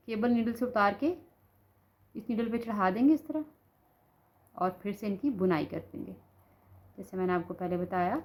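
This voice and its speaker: A medium-pitched woman's voice comes through with the highs cut off. She is a knitting instructor with a sore throat, guiding viewers patiently through each stitch and repeating "ठीक है" while demonstrating.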